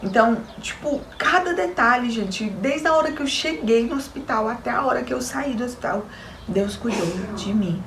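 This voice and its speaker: A young Brazilian woman, newly a mother, shares her story with viewers in a fairly high voice with lively intonation, at a normal speed. Her delivery is earnest and emotional, her accent Brazilian Portuguese. The recording is reverberant against a noisy background.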